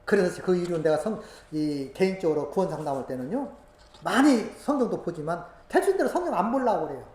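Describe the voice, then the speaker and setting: A woman preaching a sermon full of personal testimony, swinging from hushed asides to loud, emotional exclamations. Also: lowish voice, expressive, brisk. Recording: roomy echo, faint background noise.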